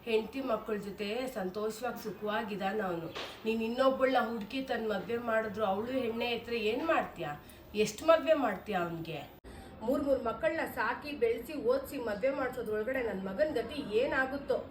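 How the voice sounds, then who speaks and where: A woman's voice: a little high, a little fast, roomy sound, slight background noise, lightly acted. A woman playing an older mother who lectures her daughter reproachfully, in a family skit.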